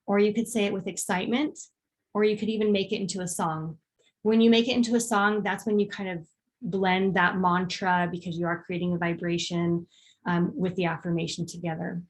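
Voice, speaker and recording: A woman's voice: fairly low pitch, steady tone, fairly quick. A woman presenting a self-help workshop in a conversational way, with frequent ums and short acted-out examples. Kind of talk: casual workshop talk.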